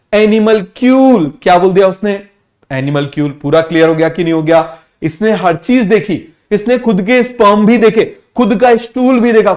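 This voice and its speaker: A man's voice: sits high, a little mellow. A man teaching biology in an online exam-prep lecture, quizzing students with repeated questions and mixing in English science terms. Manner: drills students with repeated call-and-response questions; mixes English science terms into casual talk.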